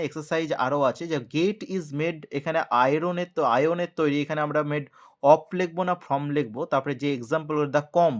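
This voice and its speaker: A man tutoring English grammar in a video lesson, who explains step by step, keeps checking that his listeners follow, and reads example sentences slowly and deliberately. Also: a little high. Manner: explains slowly, often checks understanding with a question.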